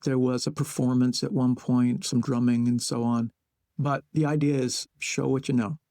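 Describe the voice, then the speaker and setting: A man guest, a playwright and educator, talking reflectively in an interview and thinking aloud in short measured phrases. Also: medium pitch, flat delivery, mellow, dry recording, clean studio sound.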